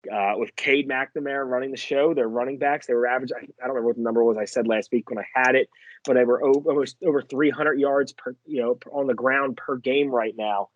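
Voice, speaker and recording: A man's voice: medium pitch, steady tone, dry recording, highs cut off. Rambling New York guy talking football. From Philadelphia and New York area. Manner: rambling, self-correcting, fast bursts. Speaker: podcast co-host. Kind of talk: casual sports betting chat.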